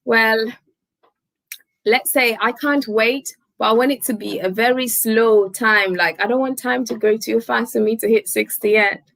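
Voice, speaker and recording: A woman's voice: on the high side, steady tone, measured pace, creaky, fairly bright tone, dry recording, poor audio. A woman in her twenties, hosting a casual livestream, chatting with viewers, laughing often and thanking them by name. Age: 20s. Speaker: livestream host. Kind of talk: casual live chat reading viewer comments.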